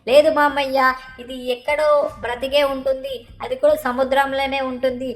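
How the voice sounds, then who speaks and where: Woman doing a high little whiny boy, game parody dub, nags his uncle nonstop, kinda flat tune. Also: normal speed, natural voice. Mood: eager. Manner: nags constantly, repeating 'uncle'. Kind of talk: fan-dubbed game parody.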